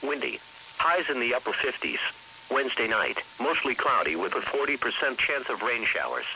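A synthetic text-to-speech man's voice reads a scripted weather bulletin in a formal, impersonal announcing manner. His medium-pitched tone is very bright and sharp, expressive, and at normal speed. The rough recording comes over a radio broadcast with a faint hiss underneath.

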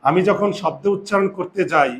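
A man teaching a grammar lesson, asking students rhetorical questions and slowly stressing and repeating key words, with confident asides. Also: high voice, a bit bright. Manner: addresses students directly with frequent rhetorical questions. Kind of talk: classroom-style video lesson.

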